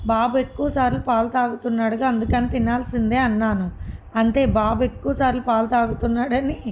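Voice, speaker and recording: A woman's voice: on the high side, flat delivery, a little fast, a little mellow, natural voice. A woman voicing an amused nurse reporting on a patient, recorded with background noise. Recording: noisy recording.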